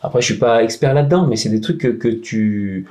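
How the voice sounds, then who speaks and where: A man in a casual round-table chat about songwriting, talking with a dark, mellow tone at an ordinary middle pitch. He is emphatic and animated and keeps restarting his sentences with fillers. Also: a little fast. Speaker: punk songwriter and musician.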